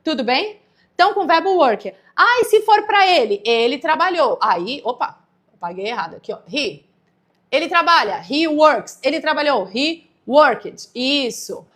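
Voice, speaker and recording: A woman's voice: high-pitched, big pitch swings, normal speed, fairly bright tone. A woman from Brazil teaching English grammar in a live online lesson, explaining patiently and checking in with viewers often.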